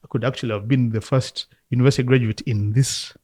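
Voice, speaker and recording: A man from Uganda in his fifties, a football coach, telling his life story in a relaxed interview, reflective and often laughing. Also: medium pitch, quick pace. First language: Luganda.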